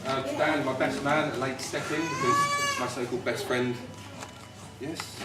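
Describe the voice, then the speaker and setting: A man's voice: medium pitch, fairly even intonation, normal speed, loud music behind the voice. A British man giving an informal, teasing wedding toast as the groom. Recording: distant mic, roomy, loud crowd noise. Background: noisy wedding guests.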